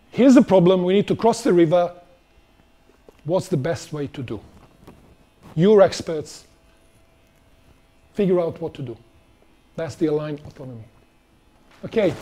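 Standing on stage in a big auditorium, a middle-aged man delivers a chatty conference talk and quizzes the audience. His voice is warm and pitched high.

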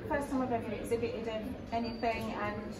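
A woman's voice: on the high side, fairly even intonation, brisk. A woman talking briefly and plainly about her paintings at an exhibition. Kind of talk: informal gallery talk. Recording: distant mic in echoey room with noise.

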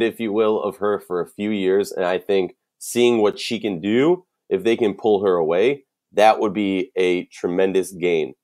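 Low-voiced Minnesotan man talking basketball. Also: darkish tone. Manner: thinking aloud with frequent restarts and fillers. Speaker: podcast co-host. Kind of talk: casual sports podcast chat.

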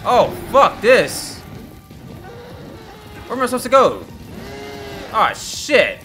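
Excitable, swearing male gamer. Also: high voice, takes it slowly. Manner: excitable, profane, jokey. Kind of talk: gameplay commentary. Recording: mixed with game music and gunfire. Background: game music and gunfire.

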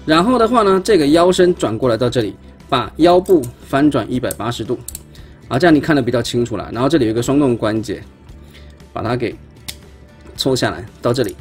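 A man's voice: medium pitch, expressive, a little fast, faint music behind. A man, chatting casually while he shows step by step how a toy is put together, often stumbling and repeating words as he handles parts at an indoor tabletop. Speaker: toy reviewer. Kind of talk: casual unboxing demonstration.

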